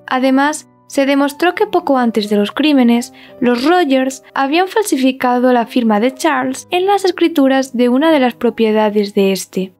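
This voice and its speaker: Female narrator for scripted true-crime stories, notably high voice, music underneath. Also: darkish tone.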